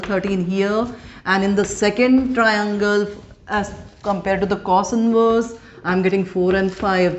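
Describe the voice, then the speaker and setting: A woman maths teacher with an Indian English accent, going through a lesson step by step and asking her students check questions. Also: medium pitch. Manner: slow and deliberate, reading out each step. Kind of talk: classroom lesson mixing Hindi and English. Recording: dull lo-fi recording with faint noise.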